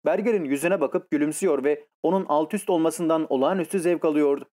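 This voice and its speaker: A male narrator reads a novel aloud in a measured way. His voice sits slightly high but sounds warm and mellow. The delivery is steady and scripted. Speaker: audiobook narrator.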